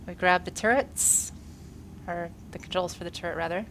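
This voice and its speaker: A woman with a lowish voice keeps a steady tone at normal speed as she offers relaxed, upbeat commentary on a space game she's playing, a little hiss or hum underneath. After a workout and illness she's congested and slightly wheezy, and she says "uh" often. She makes gaming videos.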